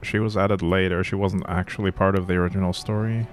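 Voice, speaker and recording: A man with a lowish voice gives relaxed, playful live-stream commentary, explaining the game as he goes. Soft game music plays underneath him. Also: quick pace.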